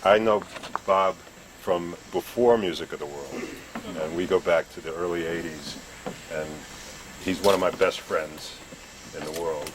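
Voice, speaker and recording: A man giving a heartfelt, halting tribute to an old friend at a gathering. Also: sits low. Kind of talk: heartfelt speech. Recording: crowd and background noise.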